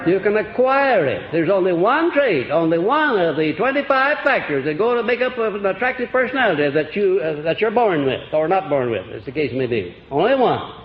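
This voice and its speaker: A man's voice: high-pitched, big pitch swings, normal speed, hardly any pauses. A man giving a folksy motivational seminar lecture on an old archival recording, chuckling and quizzing his audience. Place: lecture hall before a live audience. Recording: echoey, dull old lecture-hall tape with faint hiss.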